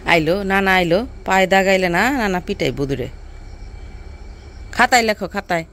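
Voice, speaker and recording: A woman, narrating a casual family vlog and gently coaxing a small child to write. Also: mid-range voice, normal speed, a little hiss or hum. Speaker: village vlogger. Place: village home, outdoors.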